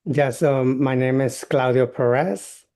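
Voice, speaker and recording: A man from New York with a Dominican accent, a guest in an interview, speaking earnestly with halting restarts. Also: medium pitch, warm tone. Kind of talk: interview conversation.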